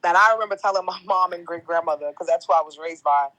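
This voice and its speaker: Talking fast, a young female entertainment podcaster laughs frequently and spins stories in slangy, relaxed interview chat. Her voice is naturally deeper and a bit bright; the audio is poor but has no echo.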